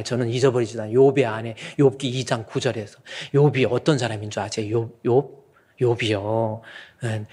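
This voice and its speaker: A man in his fifties, a senior pastor, preaching a lively, folksy sermon and acting out quoted voices now and then. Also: medium pitch, husky.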